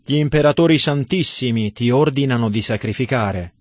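A man's voice: medium pitch, normal speed, no echo, close to an everyday voice. A man reading the lines of a stern male Roman judge, questioning and commanding. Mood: interrogating.

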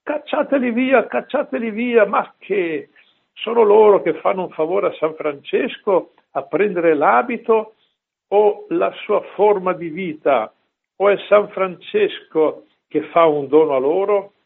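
A stern old friar scolding his brothers in slow, raised, indignant words, as a man quotes him. The voice is gravelly and husky, and it comes over a thin, phone-like line. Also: fairly high pitch, full character voice. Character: stern elderly friar rebuking his order.

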